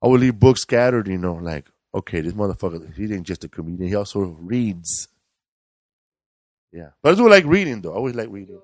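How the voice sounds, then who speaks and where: A middle-aged man with a very low, deep voice tells rambling stories in loose, profane chat. The recording is dry and close, with no room sound. He sounds laid-back. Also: big pitch swings, fairly quick, dry recording. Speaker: comedian and podcast host. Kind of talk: casual storytelling chat.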